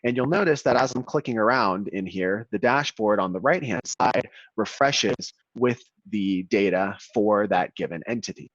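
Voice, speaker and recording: A man presenting a software walkthrough in a webinar, explaining steadily while his call audio keeps cutting out and breaking up. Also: fairly low pitch, moderate pace, hardly any pauses, no echo. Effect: choppy, cutting-out call audio. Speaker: product demo presenter. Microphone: video call. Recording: dull, dry, glitchy call audio.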